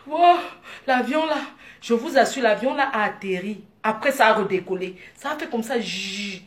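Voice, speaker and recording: Woman vlogger, higher-pitched voice, lively laughing storyteller with excited outbursts. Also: moderate pace. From Africa. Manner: animated, laughing, bursts into excited exclamations. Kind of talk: casual vlog storytelling.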